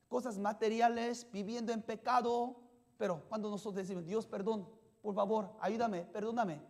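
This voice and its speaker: In a mid-range voice, a pastor preaches using simple, halting phrasing and frequent restarts, continually asking the congregation questions and checking in with "yes?".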